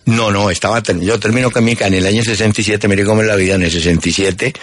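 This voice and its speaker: An older Colombian man, a longtime radio sports host, telling anecdotes in a relaxed chat and acting out the voices he quotes. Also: fast talker. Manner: storytelling, acts out quoted voices with pitch jumps.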